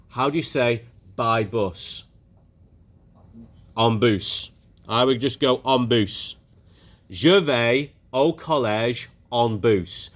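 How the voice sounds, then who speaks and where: A man teaching a French speaking lesson to his class, brisk and encouraging, putting questions to the pupils. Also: mid-range voice, fairly bright tone. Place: school classroom.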